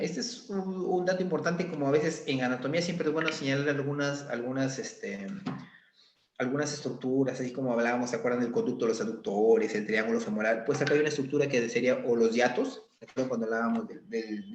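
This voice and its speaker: A man's voice: medium pitch, a little hiss or hum. A male anatomy lecturer explains slides step by step and keeps checking in with his students. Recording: echoey, dull lo-fi sound.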